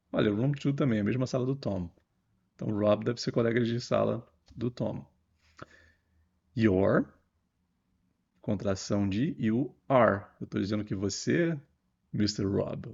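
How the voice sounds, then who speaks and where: Gravelly Brazilian teacher, patient. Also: male voice, mid-range voice, darkish tone, highs cut off. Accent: Brazilian Portuguese. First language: Portuguese. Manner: patient, explains step by step, often checks "ok?". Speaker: English teacher. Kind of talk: grammar lesson explanation.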